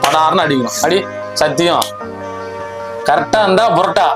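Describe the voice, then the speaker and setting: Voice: mid-range voice, normal speed, over music. An adult in a staged prank sternly lecturing a child and demanding answers. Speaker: adult scolding a child over phone use.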